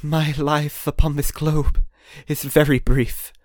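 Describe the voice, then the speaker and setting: A man voicing a stern, sorrowful male spirit with a solemn way of speaking that rises into loud warnings, in an audiobook reading. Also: fairly high pitch, little pitch movement, slow, no echo, studio quality, voice pushed up.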